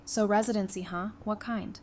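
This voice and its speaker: In a fan audio drama, a woman voices Talissa, a young former psychiatrist who is wry and teasing, needling others in easy, dry banter. Her mid-range voice is a little mellow and close to everyday speech, with a steady tone at normal speed. Faint noise sits under the recording.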